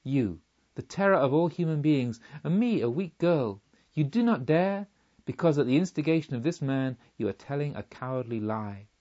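A man's voice: mid-range voice, expressive, moderate pace, dark tone, muffled recording, close to an everyday voice. A man voicing a young noblewoman who speaks with desperate defiance, accusing a robber. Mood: defiant. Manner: pleading and accusing.

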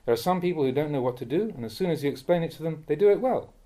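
A man, a monk, reading a Dhamma talk aloud in a measured, admonishing way that rises sharply when he scolds. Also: fairly high pitch, animated, mellow. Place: monastery.

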